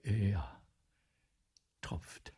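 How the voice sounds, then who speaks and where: An actor in a German radio play as Balzac, a vain, excitable, self-dramatizing playwright in debt, declaiming theatrically and abruptly dropping to a murmur. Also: male voice, extremely slow. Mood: agitated, rambling.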